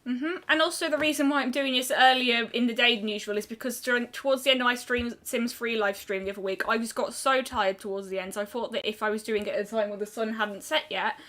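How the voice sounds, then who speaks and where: A young British woman streamer chatting casually while drawing, rambling with quick restarts. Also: on the high side, fairly even intonation, bright, forceful tone.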